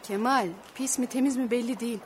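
A woman's voice: fairly high pitch, fairly even intonation, fairly quick, very noisy, lightly acted. A woman playing a fussy, practical middle-aged mother who chides her family, in a radio play. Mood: chiding. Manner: chiding, talkative.

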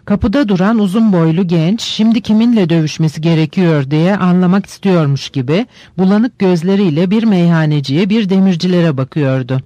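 A man reading a novel aloud in steady, measured scripted narration. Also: high voice, no echo.

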